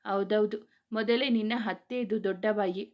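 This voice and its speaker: A woman's voice: mid-range voice, fairly even intonation, normal speed, darkish tone, natural voice. A woman voicing a young man who jokes and mocks his cousin. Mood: mocking. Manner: mocking, joking.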